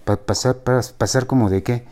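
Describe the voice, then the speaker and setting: A man's voice: mid-range voice, steady tone, moderate pace, warm tone, pitched above the performer's own voice, natural voice. A man voicing a nervous young male student who stammers and hesitates. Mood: flustered.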